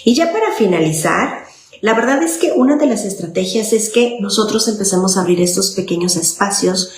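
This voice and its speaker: Psicóloga mexicana que explica con calma, sala con eco. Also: female voice, mid-range voice, normal speed. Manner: explanatory, often checks in with "¿ok?". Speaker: child psychologist. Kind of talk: informal parenting talk. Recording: echoey room with faint noise.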